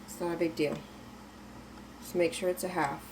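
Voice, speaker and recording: Low gravelly woman teaching home canning. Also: normal speed, noisy background. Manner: relaxed, instructive, repeats reminders. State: getting over an illness, flat voice. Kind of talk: casual step-by-step kitchen tutorial. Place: home kitchen.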